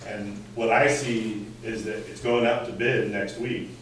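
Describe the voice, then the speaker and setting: An American man speaks up as a resident at a community meeting, questioning the school board in impromptu public comment. His voice is lowish and steady, though he halts and repeats words as he pushes his skeptical point. The recording comes from afar in an echoey indoor meeting room, with a distant mic and faint noise.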